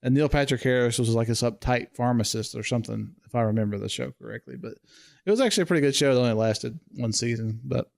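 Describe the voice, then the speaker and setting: Hesitant man, middle-pitched voice. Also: fast, vocal fry. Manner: hesitant, many fillers and restarts. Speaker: podcast co-host. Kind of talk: casual chat about TV shows.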